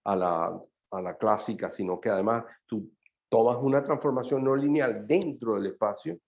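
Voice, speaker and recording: Man giving a halting lo-fi seminar talk. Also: on the low side, darkish tone. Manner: halting, many fillers and restarts. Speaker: seminar speaker. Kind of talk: academic talk and answers. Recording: lo-fi video call audio.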